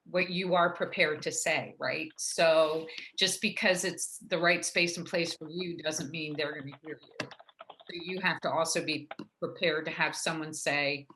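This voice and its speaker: A woman speaking frankly on a discussion panel over a video call, telling stories with halting restarts. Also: on the low side, bright, forceful tone, slight background noise. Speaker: conference panelist.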